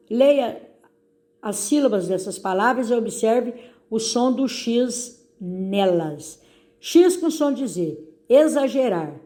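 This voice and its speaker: A middle-aged woman, a teacher going over exercises in a recorded lesson and stressing each word slowly for her pupils. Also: fairly high pitch, mellow.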